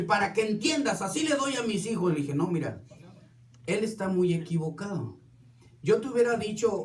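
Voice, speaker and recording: High-voiced pastor preaching in an echoey hall. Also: male voice, a little mellow. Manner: storytelling with quoted dialogue. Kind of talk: sermon. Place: church hall. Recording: echoey hall, distant mic.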